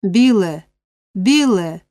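A woman voicing a frantic, scheming old male fence in an audiobook reading, shrill and insistent. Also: normal speed, warm tone, dry recording, clean studio sound, close to an everyday voice. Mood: pleading.

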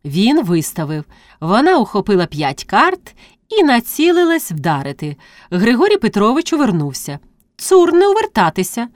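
A woman narrating classic prose as an audiobook reading, with expressive storytelling. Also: medium pitch, moderate pace, no room sound, clean studio sound.

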